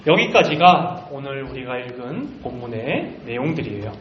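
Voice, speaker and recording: A man teaching a children's Bible story, lively and speaking straight to the kids. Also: mid-range voice, moderate pace, a little hiss or hum. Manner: lively, talks to the children directly. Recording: roomy, slightly muffled recording.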